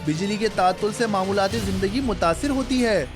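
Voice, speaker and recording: A man reporting in a formal, measured news voice-over. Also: high-pitched, over music. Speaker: field reporter.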